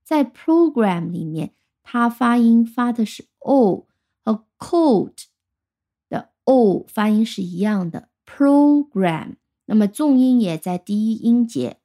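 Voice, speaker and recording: Woman teaching English words, mellow voice. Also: a little high. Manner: explains clearly, spells out letters and sounds words out slowly. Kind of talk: recorded vocabulary lesson.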